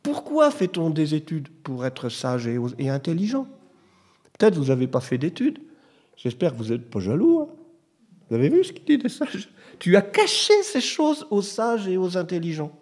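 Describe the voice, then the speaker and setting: A man's voice: sits high, wildly swooping pitch, normal speed, a little mellow. A middle-aged man preaching a sermon in a conversational way, telling personal stories and rising to emphatic bursts. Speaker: pastor.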